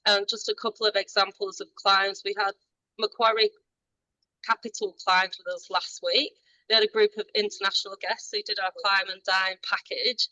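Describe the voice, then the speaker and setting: A woman with a bright, forward voice gives a polished, chatty promotional pitch. The sound is dry and close, with no room echo. Her pitch sits in the middle range for a woman. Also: flat delivery, normal speed. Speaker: business member pitching tours. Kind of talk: short networking pitch. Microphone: video call.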